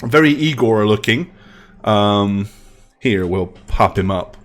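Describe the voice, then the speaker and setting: Slow, hesitant man running a tabletop game. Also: on the low side, animated, soft background music. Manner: unhurried, hesitant with frequent ums. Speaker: game master.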